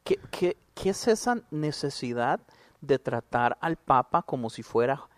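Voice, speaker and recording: A man's voice: medium pitch, lively intonation, a little slow, dry recording, clean studio sound. A man co-hosting a casual podcast, opinionated and emphatic, dropping slang as he talks. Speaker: podcast co-host. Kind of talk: casual chat.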